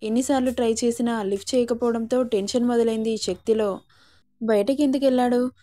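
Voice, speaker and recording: A woman narrating a scripted story in a steady, expressive reading. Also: on the high side, fast.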